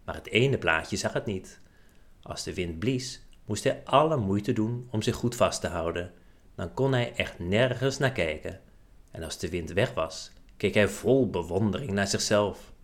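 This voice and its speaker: Low-voiced man reading a children's story. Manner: gentle, expressive storytelling. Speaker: narrator.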